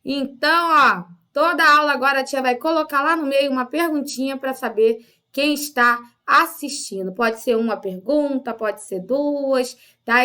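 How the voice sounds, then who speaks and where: A woman's voice: sits high, sharp tone. A woman with a Brazilian Portuguese accent teaching a video lesson to young children, chatty and checking in with frequent little questions. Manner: chatty, uses frequent tag questions to pupils. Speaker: primary school teacher.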